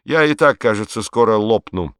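A man's voice: on the low side, animated, normal speed, fairly bright tone, clean tone, dry recording, studio quality. A man doing an imperious male dictator. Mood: genial. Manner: imperious, with sudden cold edges. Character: authoritarian male leader, genial but icy.

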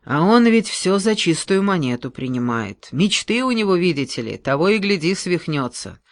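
Grumbling middle-aged huntsman as a reader puts him on, gruff, scolding, dry close audiobook sound. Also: mid-range voice, very animated, normal speed, no room sound.

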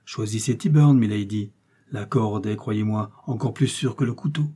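A contemptuous nobleman, voiced by a man, who jeers at his captive in a storybook reading. The voice is dark, mellow and husky. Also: on the low side, normal speed. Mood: scornful. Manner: mocking, scornful. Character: mocking, contemptuous older baron.

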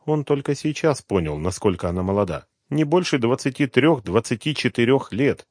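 A man narrating a novel as an audiobook, telling the story in a measured, expressive way. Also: mid-range voice, no room sound, clean studio sound. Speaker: audiobook reader. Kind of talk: scripted narration.

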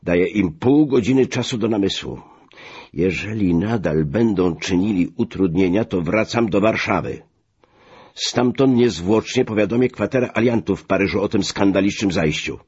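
Man voicing an angry commanding colonel, raised forceful voice, husky, muffled lo-fi recording. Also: fairly low pitch, expressive, moderate pace, voice pushed up. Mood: furious. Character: furious middle-aged male American colonel.

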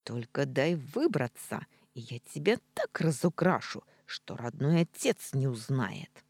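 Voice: medium pitch, big pitch swings, measured pace, husky, dry recording, exaggerated voice. A blustering talking tomcat, voiced by an audiobook reader. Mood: furious. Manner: loud blustering threats and complaints. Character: big fluffy tomcat, belligerent and theatrical. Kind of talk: audiobook reading.

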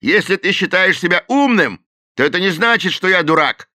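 Smooth-talking swindler with a sly, high voice, played by a male narrator. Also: expressive, moderate pace, bright, forceful tone, no room sound, studio quality, exaggerated voice. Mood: sly needling.

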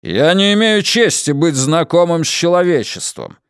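A man voicing an agitated, bitter diplomat in a science-fiction audiobook, forceful and exclaiming with indignation. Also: a little high, sing-song, moderate pace, clear, resonant tone, no room sound, clean studio sound, pitched above the performer's own voice. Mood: exasperated. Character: agitated, bitter male diplomat, the Consul of a space epic. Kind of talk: dramatised audiobook reading.

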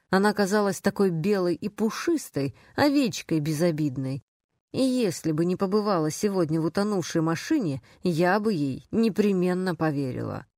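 A woman narrates a first-person detective audiobook with a sardonic, brisk edge and lively voicing. Her voice sits on the low side and the recording is dry and close. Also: no room sound.

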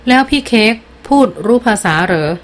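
A woman's voice: a little high, expressive, moderate pace, voice pushed up, lightly acted. A woman reading a cocky, mocking teenage boy. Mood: taunting. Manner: mocking, provoking. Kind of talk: audiobook character voice.

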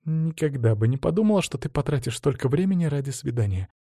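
A man's voice: mid-range voice, expressive, a little fast, warm tone, dry recording, clean studio sound, close to an everyday voice. A man voicing a young woman who is unsure and surprised on a date. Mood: flustered. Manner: hesitant, surprised.

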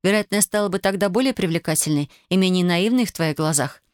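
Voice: mid-range voice, clean tone, dry recording, clean studio sound, close to an everyday voice. A narrator voicing an earnest, proud young woman who pleads and argues in an audiobook reading. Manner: pleading, earnest, quick when upset. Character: young woman, tender but proud and hurt.

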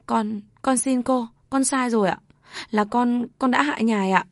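A woman voicing a guilty young woman who pleads tearfully in halting words. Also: a little high, fairly even intonation, no room sound, studio quality, voice pushed up. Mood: pleading.

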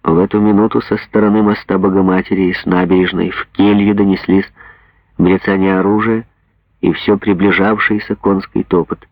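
Male audiobook narrator, gravelly, husky, measured, dull lo-fi dry recording. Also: sits low, flat delivery, no echo.

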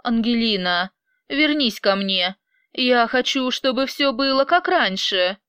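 A woman's voice: a little high, expressive, measured pace, a bit bright, clean tone, no room sound, studio quality. A woman voicing a possessive, obsessive man who talks in an insistent, menacing way. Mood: pleading.

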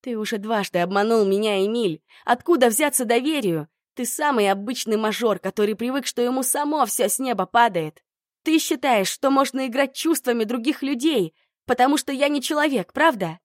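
A woman voicing a hurt, furious young woman who shouts through tears. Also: on the high side, no echo, studio quality, pitched above the performer's own voice, close to an everyday voice. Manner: tearful, shouting.

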